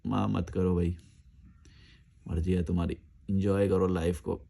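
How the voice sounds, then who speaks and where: A man's voice: sits low, little pitch movement, unhurried, gravelly, mellow. Guy reading out comments and arguing back, blunt, chatty, outside. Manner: blunt, argumentative, reads comments aloud then rebuts. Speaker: vlogger answering viewer comments. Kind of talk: casual chat. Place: outdoors.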